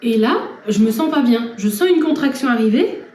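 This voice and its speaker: Animated young woman telling a story. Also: on the high side, normal speed. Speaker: vlogger. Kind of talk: storytelling vlog. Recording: echoey room from far off, faint music.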